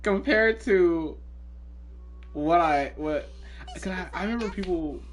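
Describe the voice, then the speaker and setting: Slow, low-pitched woman reacting to a game. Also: a little mellow, a little hiss or hum, low-quality recording. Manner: informal, slangy, reactive. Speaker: game streamer. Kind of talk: casual live gameplay reactions.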